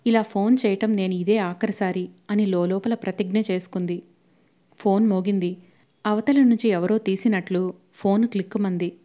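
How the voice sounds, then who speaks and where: A woman reads a novel aloud as an audiobook with steady, expressive storytelling. Her voice is mellow and warm, sitting at a middle pitch. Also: normal speed. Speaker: audiobook narrator.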